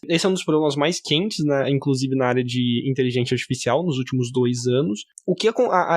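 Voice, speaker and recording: A man's voice: a little high, no echo, clean studio sound. A man hosting a podcast, setting up a question with background and frequent "né?" tags. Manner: thoughtful, sets up questions with context, frequent "né?". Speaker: podcast host.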